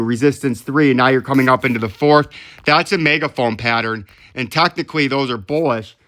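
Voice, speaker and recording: This man's medium-pitched voice is smooth and a bit bright. He runs a market analysis channel, giving live technical chart commentary step by step in an explanatory style and frequently asking the listener "right?".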